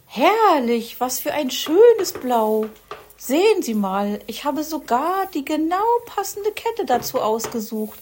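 A woman's voice: high voice, very animated, takes it slowly, darkish tone, a little hiss or hum, voice pushed up, exaggerated voice. A woman voicing a vain, fussy female magpie who talks in an affected, prim way in a children's story.

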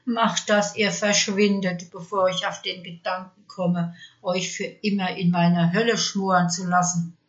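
A woman voicing a cruel, mocking male devil in a fairy tale, taunting loudly and then dropping to a menacing hush. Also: fairly low pitch, level tone, a little slow, dull audio, lightly acted. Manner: loud taunting, drops to a soft menacing hush.

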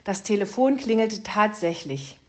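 A woman narrating a children's storybook in a calm, even storytelling voice. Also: medium pitch, unhurried. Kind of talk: storybook reading.

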